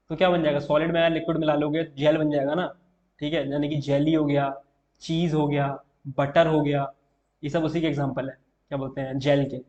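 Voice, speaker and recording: A young man with a slightly high voice teaches an exam-prep chemistry lesson. He talks casually and often checks in with his viewers as he explains at the board. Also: a little mellow, lo-fi sound. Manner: casual, repeats "theek hai" often, writing on board.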